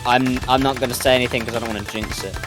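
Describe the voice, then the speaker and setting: A young man casting a rhythm game tournament on his own, rambling and joking at himself, then breaking into excited shouts. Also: mid-range voice, very fast. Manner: rambling, self-mocking, bursts into excited shouts. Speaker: solo tournament caster. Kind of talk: excitable esports commentary. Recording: streamed commentary over loud game music.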